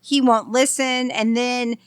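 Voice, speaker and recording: A woman's voice: fairly high pitch, steady tone, measured pace, clean tone, no room sound, clean studio sound. A woman in her thirties co-hosting a podcast in casual chat, wry and matter-of-fact. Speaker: podcast co-host. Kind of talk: casual chat reviewing horror films.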